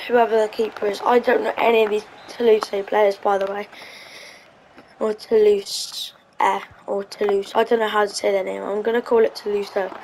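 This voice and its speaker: A woman's voice: medium pitch, a little mellow, a little hiss or hum, low-quality recording. A woman giving casual, hesitant commentary on her own gameplay, thinking aloud with lots of ums. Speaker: gaming channel host.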